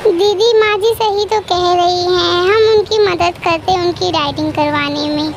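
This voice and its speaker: A woman plays a chatty young daughter-in-law in a cartoon who keeps butting in. The voice is very high. Loud noise hisses behind it. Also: steady tone, measured pace. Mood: eager. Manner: eager, talkative.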